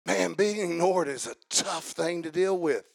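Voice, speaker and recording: A man preaching a sermon to a congregation, asking them questions and rising into a chanted, shouted preaching cadence. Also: sits high, measured pace, vocal fry, no echo, studio quality.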